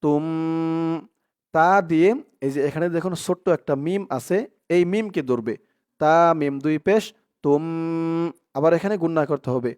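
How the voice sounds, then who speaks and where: A man teaching Quran reading, sounding out each syllable, chanting verses slowly and explaining pronunciation rules in between. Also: fairly high pitch, dark tone. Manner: drawn-out chanted recitation alternating with quick explanations. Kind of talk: slow spelled-out Quran reading lesson.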